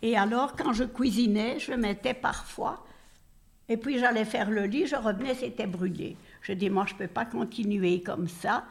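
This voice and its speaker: An older Belgian woman living in a nursing home gives casual interview answers at length, filling her speech with fillers. Her voice is on the high side, creaky and husky, and she talks at a normal speed.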